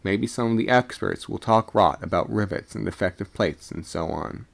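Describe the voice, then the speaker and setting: A man's voice: lowish voice, moderate pace, gravelly. A man voicing a cynical, scornful sea captain in a storybook reading, with a dismissive way of talking. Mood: resigned, sardonic. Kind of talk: storybook character dialogue.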